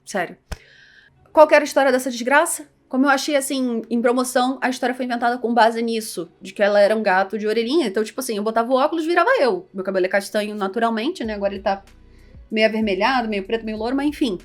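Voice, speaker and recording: A woman's voice: fairly high pitch, quick pace. Chatty Carioca woman vlogging. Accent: Carioca Portuguese. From Rio de Janeiro, Brazil. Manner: animated, chatty, self-deprecating. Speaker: VTuber and content creator. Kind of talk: casual vlog talk.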